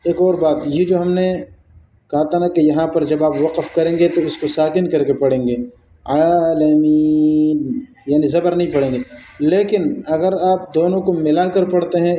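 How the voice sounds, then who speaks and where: A man teaching Quran recitation rules, explaining patiently and drawing out recited words very slowly. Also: a little high, slight background noise. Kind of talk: tajweed lesson with slow recited examples. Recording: echoey, dull lo-fi recording.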